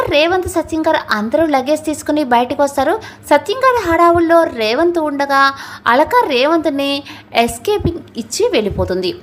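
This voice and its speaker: A woman narrating a romantic family story and reading every character's lines herself. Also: high-pitched. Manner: reads all characters' dialogue herself, lightly shifting tone. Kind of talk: dramatic story narration in Telugu.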